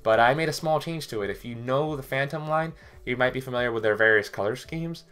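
A young tech vlogger with a smooth, mid-range, fairly bright voice speaks a little fast to the webcam at his desk. Slightly under the weather, he coughs and rambles through computer parts in a casual way, leaning heavily on fillers. The setting is a small bedroom with boxes of hardware.

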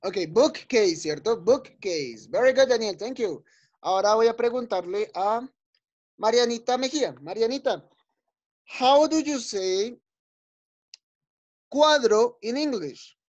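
A male teacher leading an online class for young children. He is patient and encouraging, repeating each word slowly and checking in often. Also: very high-pitched, animated. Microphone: video call. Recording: dull lo-fi video call audio.

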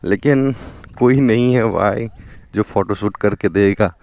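Picked up on a helmet or chest action camera with background noise and clipped highs, a young man talks in an unhurried, creaky, low voice. He's a Bengali-accented motovlogger from West Bengal, a native Bengali speaker, chatting casually on his motorbike beside a river and repeating "theek hai" and "dekho."

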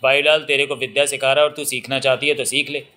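A man's voice: mid-range voice, little pitch movement, quick pace, sharp tone, lightly acted. A man reading as an earnest young village lover. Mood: tender. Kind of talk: audiobook reading.

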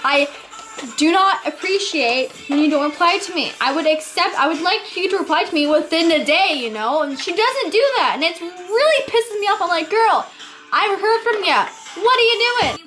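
A woman's voice: very high voice, animated, moderate pace, a bit bright. A woman in her twenties chatting casually in a giggly drunk, rambling way, with exclamations, close to a camera in a bedroom. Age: 20s. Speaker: vlogger hosting a makeup challenge. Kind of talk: casual chat. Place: small bedroom, indoors. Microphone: camera at about arm's length. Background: music playing.

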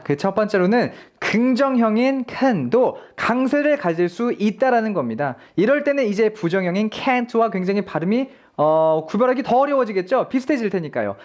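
Lively-voiced male English teacher. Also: high voice. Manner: explaining clearly, addressing viewers. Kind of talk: online pronunciation lesson.

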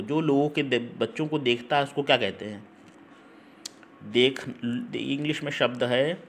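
Male tutor, mid-pitched voice, repetitive check-ins, slow English readouts, faint background hiss. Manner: repetitive, checks in with listeners (ठीक? हम्म?); spells out words letter by letter and reads English sentences slowly. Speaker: English teacher for exam prep. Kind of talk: Hindi classroom explanation of English grammar.

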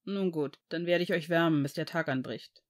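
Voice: mid-range voice, close to an everyday voice. Firenze, a reader voicing a grave young centaur. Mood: calm, grave. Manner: calm, grave, slow-spoken. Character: calm, serious young male centaur. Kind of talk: fan audiobook reading.

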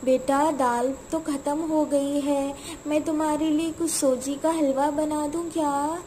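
A woman's voice: high-pitched, steady tone, measured pace, dark tone, slight background noise, rough recording. A woman voicing an anxious, caring mother in a doll cartoon, cautioning and fretful.

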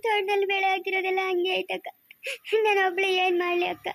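A woman's voice: sits high, little pitch movement, very fast, no echo, clean studio sound. A woman playing a grieving young village woman who has lost her family, pleading and sobbing in a family moral drama.

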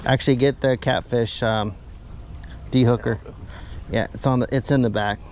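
A man hosting a fishing trip on a small boat, chatting casually, excitable and swearing freely. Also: medium pitch, normal speed. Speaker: angler host. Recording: outdoor boat and water noise.

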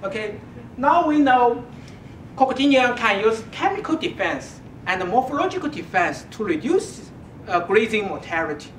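A woman giving an academic thesis defense presentation, explaining step by step in a halting way. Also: big pitch swings. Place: dark lecture room with projection screen. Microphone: distant camera microphone. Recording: distant, echoey room recording with rumbling noise.

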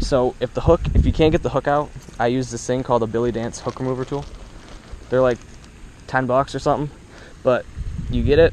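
Young dude on a head cam at a pond, hyped and slangy, clear outdoor noise around him. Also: male voice, medium pitch. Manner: excited, slangy, talks to viewers as bro and dude. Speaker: fishing vlogger. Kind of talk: casual commentary while fishing. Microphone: head-mounted action camera.

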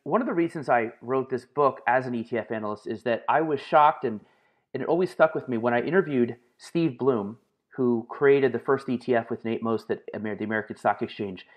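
A man being interviewed on a podcast, answering in long, lively stories with frequent fillers. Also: medium pitch, brisk, highs cut off. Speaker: guest, market analyst and author.

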